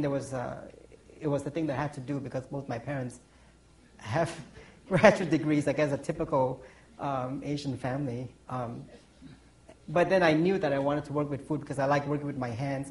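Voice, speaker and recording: A man's voice: medium pitch, fairly even intonation, normal speed, vocal fry, darkish tone, rough recording. Man from Thailand, 40s, pastry chef on a panel stage; meandering, filler-heavy answers. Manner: rambling, many ums and restarts, chuckles. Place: conference stage.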